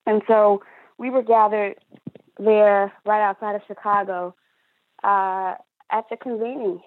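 A woman's voice: mid-range voice, fairly even intonation, no echo. Young woman interviewee on a tinny phone line. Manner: halting, searching for words. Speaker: activist organizer and interview guest. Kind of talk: reflective interview answer.

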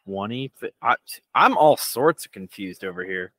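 A man's voice: lowish voice, lively intonation, normal speed, bright, forceful tone, no room sound. A young man playing a tabletop game, quizzical and often laughing. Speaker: player. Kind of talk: casual tabletop play.

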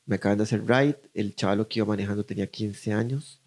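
A man's voice: fairly low pitch, fairly even intonation, fast talker, a little mellow. A young man with a Costa Rican accent telling a story in casual chat, acting out voices as he goes.

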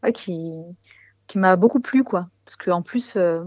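A woman's voice: fairly low pitch, unhurried, darkish tone, no room sound, muffled recording. A woman answering as a musician in a casual interview, hesitantly searching for words.

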